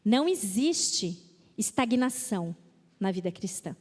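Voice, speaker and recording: A Brazilian woman with a Brazilian Portuguese accent speaks at a women's church conference in a church auditorium, reading scripture with emphasis and playfully mimicking excuses. Her medium-pitched voice is expressive and a little mellow, her pace measured, and the hall sound is reverberant.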